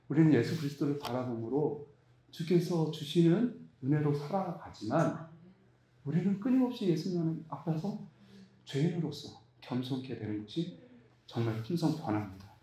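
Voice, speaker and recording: A man's voice: reverberant, slight background noise. A man preaching a sermon, telling a story with emphatic, rising delivery. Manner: storytelling, emphatic, rising to high excited pitch. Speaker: pastor.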